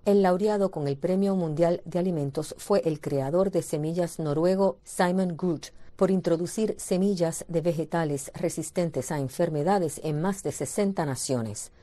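Woman, news correspondent, very low voice, mellow tone, measured reading. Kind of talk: read news report.

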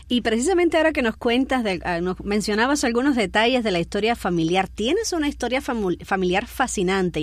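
A woman's voice: medium pitch, dry recording. A woman hosting a conversational radio interview, putting questions to a guest.

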